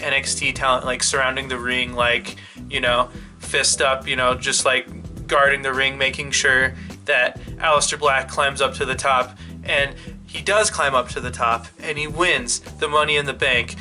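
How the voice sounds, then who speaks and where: A man's voice: mid-range voice, pushed and bright. A man hosting his own channel, chatting loosely through a wrestling storyline idea, full of "you know" and "like". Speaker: wrestling fan channel host. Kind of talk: casual fantasy-booking monologue.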